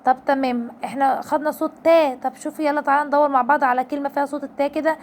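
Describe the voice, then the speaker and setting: A woman's voice: high-pitched, fairly even intonation, rapid-fire, a little hiss or hum. A woman with an Egyptian Arabic accent teaching a reading lesson to parents, explaining patiently and stretching out syllables to demonstrate.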